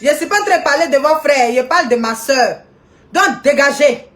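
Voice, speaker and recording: A woman's voice: high-pitched, expressive, normal speed, a bit bright, faint music behind. A woman ranting indignantly on a live video stream, scolding people and greeting viewers by name.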